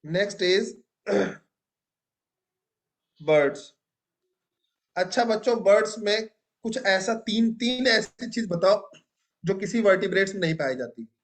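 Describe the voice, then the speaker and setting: Man, young adult, high voice, classroom lecture, quizzes and praises students. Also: animated, slow, long pauses. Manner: asks questions and praises students. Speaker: teacher.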